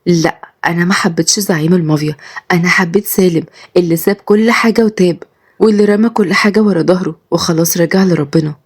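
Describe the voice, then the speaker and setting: A woman's voice: lowish voice, fast, slightly rough. A woman voicing a kind, devout young woman who speaks sincerely and reassuringly in Egyptian Arabic.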